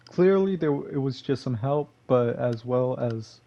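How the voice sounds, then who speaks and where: A man's voice: medium pitch, animated, a little slow, dull audio. A man giving casual gameplay commentary, rambling and correcting himself, chuckling often.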